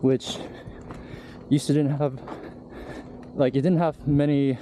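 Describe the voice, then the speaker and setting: A young male vlogger chats loosely and candidly to his camera as he hikes uphill on an outdoor trail, out of breath. His voice is a little high and mellow, with a flat, slow delivery. The outdoor recording carries clear background noise.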